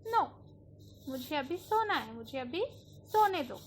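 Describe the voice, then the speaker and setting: A whiny, stubborn little girl from a children's storybook, put on by a woman reading the tale. She pipes up in a very high, pleading child's voice. The reading is unhurried. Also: big pitch swings, slight background noise, heavily acted. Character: stubborn little girl who refuses everything.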